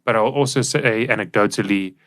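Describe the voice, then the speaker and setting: The speaker is a South African podcast co-host with a brisk, somewhat bright, low-leaning voice. Recorded on a studio microphone in a professional studio, he explains things in an easygoing, informal discussion.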